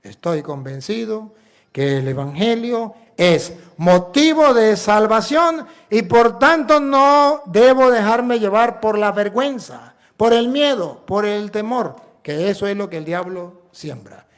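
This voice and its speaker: A Venezuelan priest preaching a sermon in an emphatic, repetitive way, full of rhetorical questions. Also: male voice, sits high, slow. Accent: Venezuelan Spanish.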